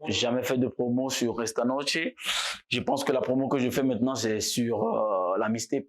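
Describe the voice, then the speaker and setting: A medium-pitched man from Togo appears as a musician guest in a casual interview, sounding relaxed but halting and frequently repeating words.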